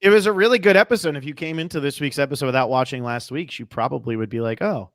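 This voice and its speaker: A man with a high-pitched voice hosting a casual, chatty TV recap podcast. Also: fast, a bit bright, dry recording, clean studio sound. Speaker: podcast host.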